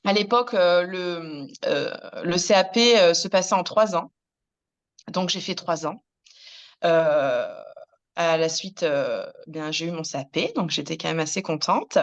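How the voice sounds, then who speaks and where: A woman in her thirties, a hairdresser, recounting her career in a hesitant interview, with many pauses and restarts. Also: on the low side, lo-fi sound. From France. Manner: many fillers and restarts, soft laughs. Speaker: hairdresser and business founder, interviewee. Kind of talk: hesitant personal storytelling.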